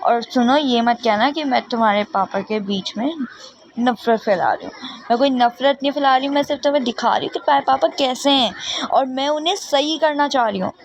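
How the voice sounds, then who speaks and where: A woman's voice: high-pitched, brisk, a little hiss or hum. A woman voicing a pushy young friend who insists, meddles and talks the other girl round. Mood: persuasive.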